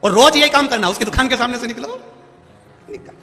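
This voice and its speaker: A man telling a devotional sermon in a folksy, animated way, acting out characters in quoted dialogue. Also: very high voice, brisk. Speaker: religious storyteller. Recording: live hall reverb with music behind.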